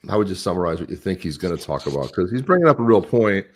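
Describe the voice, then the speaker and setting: A man with a very low voice hosts a podcast in loose, unscripted chat. He talks bluntly and crudely, rambling as he reacts to clips. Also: sing-song, fast, slight background noise. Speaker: podcast host.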